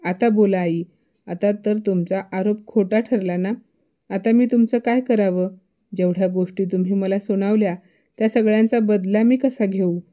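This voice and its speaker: A woman's voice: medium pitch, fairly even intonation, moderate pace, muffled recording, lightly acted. A woman doing an indignant young daughter-in-law. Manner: indignant, pleading.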